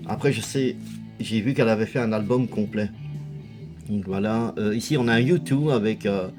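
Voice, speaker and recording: A man hosts a video showing off his music collection, commenting casually in a chatty, hesitant way with lots of fillers. His voice is lowish at normal speed, and music plays in the background.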